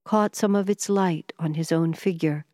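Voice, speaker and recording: A woman reading a first-person novel aloud in a measured, even storytelling manner. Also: deep voice, no room sound, studio quality, long reverb tail. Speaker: audiobook narrator.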